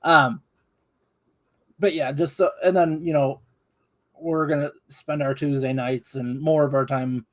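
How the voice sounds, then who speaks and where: A man's voice: a little high, steady tone, measured pace, long pauses. A man co-hosting a live stream in casual chat, talking in a rambling, hedging, conversational way.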